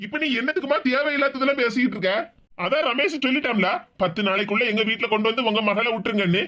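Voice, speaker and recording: This is a voice actor playing a grown son in a cartoon comedy. He has a southern Tamil accent and talks quickly. He is defensive and pleading. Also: extremely high pitch, sharp tone.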